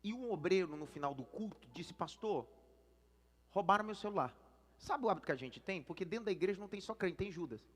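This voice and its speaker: A man with a Brazilian Portuguese accent, a senior pastor preaching a storytelling sermon in church, swinging between hushed asides and shouted lines. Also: high voice, animated, fast, hardly any pauses, breathy edge. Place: church service.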